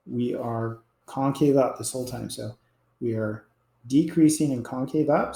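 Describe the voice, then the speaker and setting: A man's voice: medium pitch, vocal fry. A man teaching a calculus class, explaining casually and letting his voice drop off at the end of each point. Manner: casual and explanatory, trails off quietly at ends of points. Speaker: math teacher. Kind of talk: classroom lecture at a board. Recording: roomy classroom echo.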